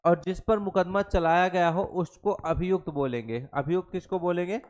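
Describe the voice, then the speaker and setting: A man's voice: sits high, normal speed, darkish tone. A young man teaching an exam-prep Hindi class, who mixes English terms into his Hindi, repeats each definition and quizzes the class with questions. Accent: Hindi with English terms mixed in.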